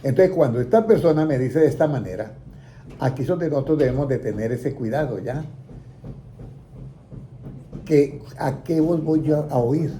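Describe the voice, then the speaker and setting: A man's voice: on the high side, moderate pace, long pauses, dark tone, slight background noise. A man leading a Bible lesson for a small indoor group, asking questions and leaving his sentences open for listeners to complete. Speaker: Bible teacher.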